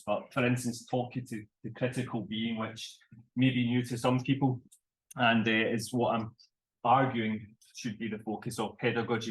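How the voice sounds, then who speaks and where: A man's voice: medium pitch, poor audio. Man giving an academic conference talk. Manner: thoughtful, self-correcting, deliberate. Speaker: conference presenter. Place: conference room.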